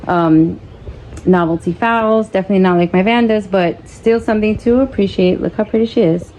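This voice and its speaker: Casting: female plant-vlog host, relaxed warm timbre, medium pitch, effusive casual Spanglish delivery, recorded outside over noticeable ambience. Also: rough recording. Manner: Spanglish, slipping Spanish words into English. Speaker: host of an orchid-growing vlog. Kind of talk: casual chat to viewers, showing plants. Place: outdoors in an orchid pergola. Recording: clear ambient outdoor background noise.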